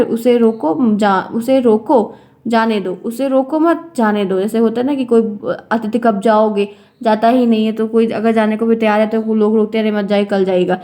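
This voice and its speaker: A woman's voice: fairly high pitch, a little mellow. A woman teaching an exam revision class, explaining grammar terms step by step, often repeating key words and checking in with her students as friends.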